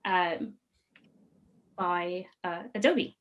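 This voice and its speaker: A woman's voice: lowish voice, drawn-out words, a bit bright. A woman co-presenting a talk in a conversational style.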